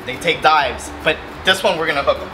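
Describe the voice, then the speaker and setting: A man in his thirties hosting a fishing vlog outdoors under a bridge by the water, chatting and joking with bursts of excitement. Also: fairly high pitch, fairly quick, noisy background. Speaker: fishing channel host. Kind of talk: casual outdoor vlog chat. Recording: background music under the talk. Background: music.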